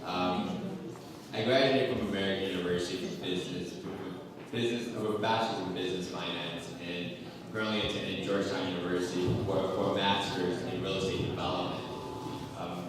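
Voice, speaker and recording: A young man from Washington DC introducing himself as a candidate at a forum, earnest and halting with fillers. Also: deep voice. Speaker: political candidate. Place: community center hall. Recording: echoey hall, from far off.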